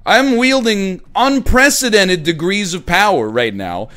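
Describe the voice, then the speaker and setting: A man's voice: sits high, unhurried, faint music behind. A man hosting a stream, reading game prompts aloud and ranting jokingly in casual banter with friends. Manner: animated, ranting, jokey.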